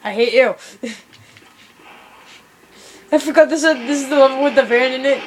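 A young woman casually commentating a video game, hyper and laughing often, squealing into high pitches. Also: fairly even intonation, normal speed. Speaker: gameplay commentator. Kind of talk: casual let's-play commentary. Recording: background noise.

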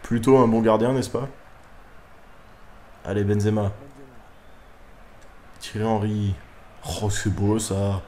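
Excitable young gamer, low voice. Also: male voice, slow, pauses often, a little hiss or hum. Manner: excitable, swears at players, bursts of yelling. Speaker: gaming YouTuber. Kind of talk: live gameplay commentary. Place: room at home at night.

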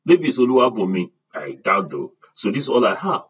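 A man's voice: lowish voice, very animated, fairly quick, husky, far from the mic, dull audio. An older man giving a screen-share lesson, talking straight to his class and asking them to repeat after him. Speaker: online course instructor.

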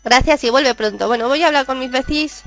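A woman from Spain with a Spanish accent, chatting excitedly as she plays a video game and reads its dialogue aloud. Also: sits high, a little fast, faint music behind. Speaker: gaming YouTuber. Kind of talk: casual game commentary.

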